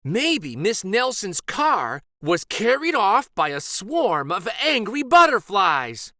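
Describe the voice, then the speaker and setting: A man voicing excitable, unruly schoolchildren in a storybook, with eager exclamations. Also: high voice, takes it slowly, dry recording, studio quality, pitched above the performer's own voice, full character voice. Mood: know-it-all.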